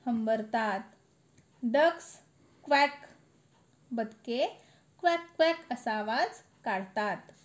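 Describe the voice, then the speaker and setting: A woman teacher, slowly reciting a children's poem and explaining it in a sing-song classroom manner. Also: a little high. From India. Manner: slow, sing-song recitation with lifted words.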